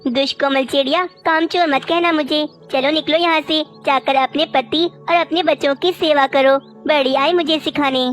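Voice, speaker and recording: A woman's voice: sits high, steady tone, normal speed, few pauses, soft background music, lightly acted. A woman voicing a spoiled, scheming young wife crow who talks sharply and scornfully, in a cartoon. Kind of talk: cartoon voice acting.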